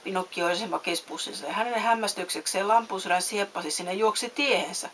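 A woman reading a children's fairy tale aloud, lifting her voice for the characters' lines. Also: poor audio. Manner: reads voices with raised pitch and loudness. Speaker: storyteller. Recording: faint hiss.

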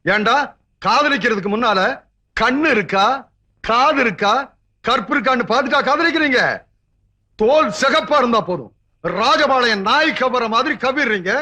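A man's voice: very high voice, animated, normal speed, pauses often, sharp tone, heavily acted. A middle-aged actor playing a bald, scheming father of the bride, theatrical in a film comedy scene. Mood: indignant scolding.

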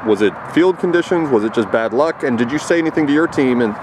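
A man's voice: medium pitch, animated, fast talker. Man asking post-game questions, street noise. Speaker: reporter. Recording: outdoor night, clear traffic noise.

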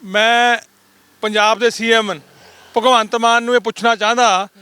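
A man's voice: very high-pitched, level tone, moderate pace, pushed and bright, clear, resonant tone, no room sound. A man from a farmers' union, sarcastically attacking the government and police in an interview. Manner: angry, sarcastic criticism of the government.

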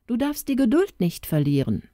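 A woman reading the lines of a calm, comforting mother in a storybook, speaking in a soothing, reassuring way. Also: a little high, normal speed, dry recording, clean studio sound, voice pushed up.

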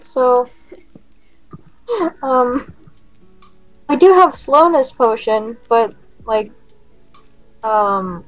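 A woman's voice: a little high, no echo. Rambling young woman on a dull mic. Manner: rambling, lots of fillers and giggles. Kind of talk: casual gaming chat. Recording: dry, dull-sounding mic with faint music.

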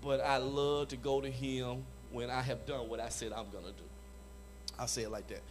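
A man's voice: medium pitch, fairly even intonation, moderate pace, slight background noise. A man preaching to a church conference audience, emphatic and repetitive, often asking them for an amen. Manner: emphatic, repeats phrases, calls for "Amen?" from the audience. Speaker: conference evangelism leader. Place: church hall before a live audience.

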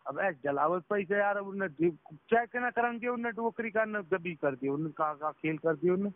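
In a tinny phone recording, a man who was scammed while driving recounts the incident in an agitated, casual, repetitive way. His voice sits high and is expressive, running a little fast.

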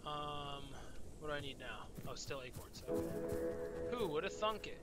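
Over loud music, a man with a highish voice and lively intonation talks a little slowly while streaming a game. Worn out and yawning, he chats loosely and profanely with his viewers in rambling commentary.

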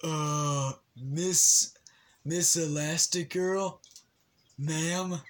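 A man doing a slow, drawling hippie. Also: on the high side, pitched below the performer's own voice. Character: laid-back male hippie fighter. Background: loud game music.

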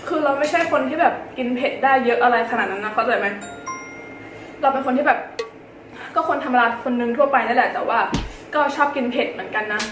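High-voiced woman chatting in a roomy space. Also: quick pace, background noise. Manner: conversational, often checks in with viewers. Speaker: host of a food challenge vlog. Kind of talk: casual chat to viewers. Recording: roomy echo.

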